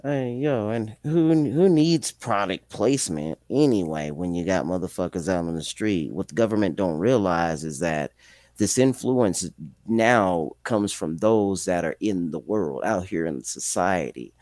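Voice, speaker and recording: A man's voice: low-pitched, lively intonation, measured pace, a little mellow, no room sound. A man in casual chat who talks laid-back in street slang and swears freely.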